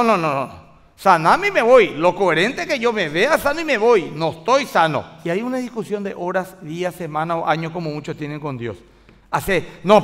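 A Paraguayan pastor in his forties preaches an animated sermon in Paraguayan Spanish on a large church stage before a live congregation, using gestures and acting out little dialogues. His voice is high for a man and climbs and drops dramatically, and the hall leaves a long reverb tail.

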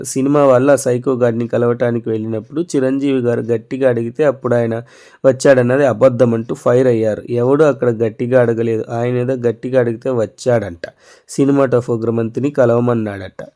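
A man hosting a news channel, narrating the news in a brisk news-reader manner with occasional loose asides. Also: medium pitch, warm tone.

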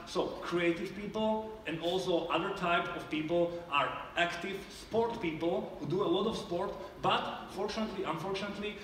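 A man's voice: fairly high pitch, fairly bright tone, slight background noise. A man, a startup founder answering judges' questions on a theater stage, hesitant with many fillers and restarts. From Slovakia. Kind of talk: live pitch Q&A on stage. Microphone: far camera in the audience. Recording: echoey hall from far off.

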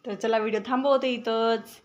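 A woman's voice: fairly even intonation, normal speed, muffled recording. A woman with a Marathi accent, chatting casually in a home vlog while coaxing and calling her pet bird. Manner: coaxing, calls the bird with high chirpy sounds. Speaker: vlogger.

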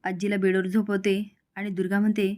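A woman narrates a recap of a TV serial episode. She moves along at a quick, steady clip and reads each character's lines in the same plain voice she uses for the story. Her pitch sits in the ordinary middle range for a woman.

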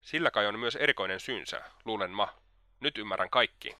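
A man's voice: lowish voice, bright, forceful tone, dry recording, studio quality. A man voicing Raskolnikov, a scornful, agitated young man. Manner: scornful, indignant.

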